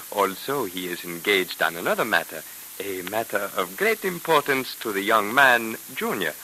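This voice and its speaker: An actor playing a fawning, formal Egyptian man in 1940s radio drama style, with slow, ornate, obsequious speech. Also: lowish voice, very animated, bright, forceful tone, a little hiss or hum, full character voice, poor audio. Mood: sly.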